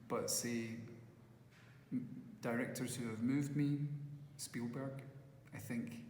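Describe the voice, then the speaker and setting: A Glaswegian musician from Scotland, now a first-time filmmaker, gives rambling interview answers at a festival venue, restarting often and acting out quotes. His medium-pitched, slightly mellow voice moves slowly with fairly even intonation. The echoey hall adds faint ambience, plus a little hiss or hum.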